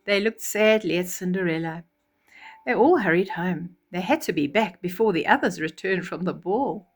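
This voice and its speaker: A woman with a lowish voice reads a children's fairy tale at a moderate pace. She's animated and expressive, acting out reactions and adding chatty asides.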